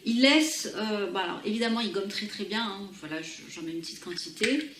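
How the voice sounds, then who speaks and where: A woman talking through her favorite beauty products in a casual vlog, pausing often and restarting her sentences. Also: mid-range voice, noisy background. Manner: hesitant, full of pauses and restarts. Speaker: beauty vlogger. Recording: echoey room with faint ambience.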